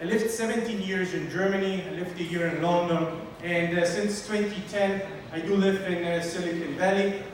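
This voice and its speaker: A man in his forties from Sicily with an Italian accent, giving a lively, interactive conference keynote and polling the audience. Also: sits high, moderate pace. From Sicily, Italy. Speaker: keynote speaker. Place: large hall with an audience. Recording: echoey hall, distant mic, faint noise.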